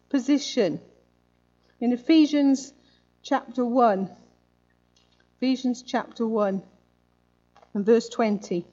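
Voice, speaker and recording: Woman preacher, conversational sermon delivery, fairly high voice on a muffled recording. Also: dark tone. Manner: conversational, with chatty tag questions.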